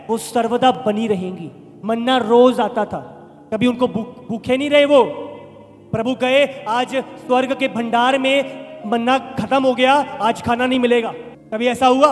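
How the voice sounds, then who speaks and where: A man with a very high-pitched voice delivers a sermon as pastor. He preaches emphatically, rising loud on key phrases. The voice rings through a reverberant hall with faint music underneath.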